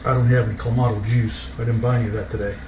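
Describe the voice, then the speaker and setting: A man's voice: medium pitch, little pitch movement, rapid-fire. A man chatting casually as he cooks at home, easygoing and thinking aloud. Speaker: home cook hosting a cooking video. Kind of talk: casual cooking chat. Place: indoors, kitchen. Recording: distant mic, dull, echoey, noisy room.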